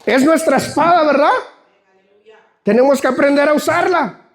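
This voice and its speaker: A man's voice: very high-pitched, moderate pace. A man preaching a sermon fervently, often calling out to the congregation as brothers.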